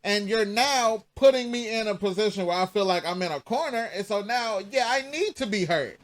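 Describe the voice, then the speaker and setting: A man's voice: high-pitched, expressive, normal speed. A man co-hosting a podcast, talking bluntly with lots of swearing and stop-start restarts. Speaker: podcast co-host. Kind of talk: casual chat.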